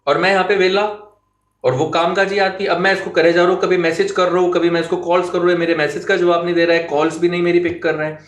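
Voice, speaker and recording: A man's voice: sits high, little pitch movement, quick pace. A man teaching an English grammar lesson in a chatty, playful storytelling way. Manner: chatty, playful storytelling, laughs at own jokes. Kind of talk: classroom-style lesson with stories. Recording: echoey room.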